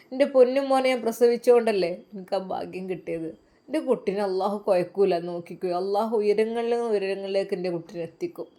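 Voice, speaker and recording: A woman voicing a gentle, pious elderly widowed mother who speaks softly and tenderly. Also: mid-range voice, lightly acted. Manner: soft, tender, comforting.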